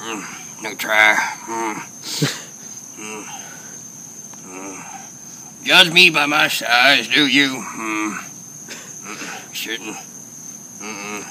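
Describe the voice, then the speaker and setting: A wise old alien master drawls in a slow country twang, as a man puts him on, humming thoughtfully between backwards-ordered sentences. The recording is noisy, with crickets chirping and traffic passing outside. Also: lowish voice, bright, forceful tone, pitched below the performer's own voice, full character voice. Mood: sage. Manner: slow, inverted phrasing, thoughtful hums between lines.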